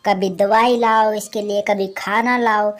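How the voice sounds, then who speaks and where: A woman voicing a scheming, sharp-tongued young wife crow who scolds her mother-in-law harshly. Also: mid-range voice, little pitch movement, a little slow, slight background noise, natural voice. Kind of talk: cartoon voice acting.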